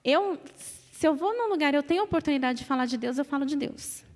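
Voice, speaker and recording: Her voice is high and expressive, her pace quick, as this Brazilian woman in her thirties preaches emphatically with a Brazilian Portuguese accent. She repeats phrases and calls for the congregation's answers, her words ringing through a reverberant church hall.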